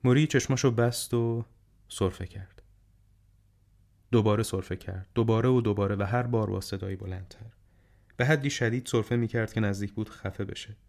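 A man narrating an audiobook in a steady, measured storytelling manner. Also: on the low side, vocal fry.

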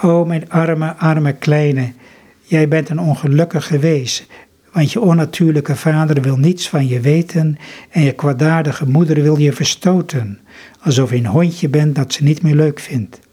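A man's voice: a little high, unhurried, mellow, slightly rough. A man reading the lines of a grieving medieval monk who tenderly takes in a baby, in an earnest read-aloud way.

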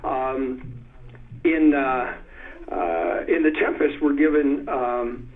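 A man speaking as a poetry expert in an interview, thoughtful and hesitant with many pauses, reciting verse slowly with stressed beats. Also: medium pitch, fairly even intonation. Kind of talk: conversational interview. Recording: tinny phone line.

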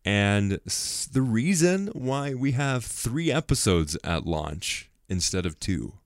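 A man co-hosting a podcast in casual chat, acting out quotes in quick asides. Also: fairly low pitch, very animated, no room sound, studio quality. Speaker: podcast co-host.

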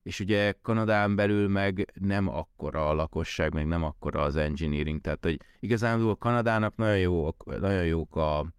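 A man's voice: deep voice, hardly any pauses, clean tone, dry recording, studio quality. A man from Hungary talking casually as an interview guest, often rephrasing and circling back mid-sentence. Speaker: podcast guest, tech worker who moved abroad.

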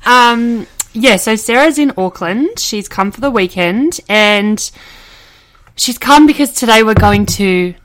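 A young adult woman co-hosting a podcast in casual chat, gushing about what she loves and quick to laugh. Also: fairly high pitch, expressive, fairly bright tone. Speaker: podcast co-host.

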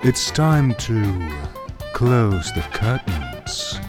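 A man voicing a sultry late-night male announcer, crooning slowly and seductively. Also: medium pitch, sing-song, voice pushed down. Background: jazz guitar music.

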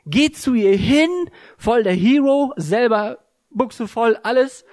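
A man's voice: very high-pitched, slow, darkish tone, no echo, clean studio sound. Earnest German-speaking man preaching. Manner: storytelling, earnest and emphatic. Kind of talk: sermon.

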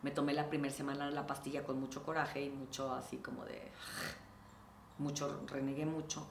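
A middle-aged Mexican woman talking casually in an interview, animated and acting out quoted dialogue. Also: rumbling low, moderate pace, creaky, echoey room, slight background noise. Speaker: guest.

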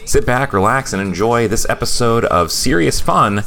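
A man's voice: medium pitch, animated, normal speed, vocal fry, sharp tone. A man, hosting a casual podcast chat and rambling with many fillers. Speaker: podcast host.

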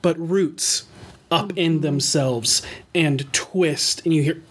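A game master narrating a tabletop game in measured phrases with dramatic pauses. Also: mid-range voice, husky.

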